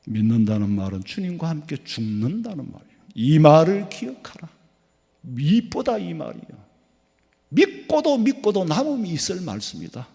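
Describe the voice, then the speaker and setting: A man from South Korea, a pastor preaching a midweek sermon with folksy stories, swinging between loud emphatic lines and soft low asides. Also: sing-song, moderate pace. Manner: folksy, anecdotal, acts out dialogue. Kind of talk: sermon with storytelling. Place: church sanctuary. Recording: long hall reverb in church.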